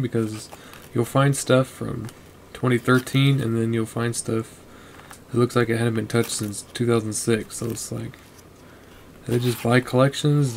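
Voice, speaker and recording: Seated at a home desk, a card collector vlogger talks casually to himself and his viewers while going through a box of cards. His medium-pitched voice stays flat and level, and the poor-quality audio has noise humming clearly beneath it.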